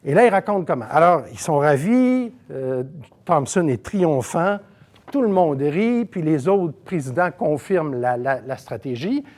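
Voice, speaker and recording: Québécois man lecturing in a lively way. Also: fairly high pitch, a little slow. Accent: Québécois French. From Saguenay, Quebec. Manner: animated, conversational, frequent fillers and asides. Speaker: lecturer at a seminar. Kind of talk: storytelling lecture.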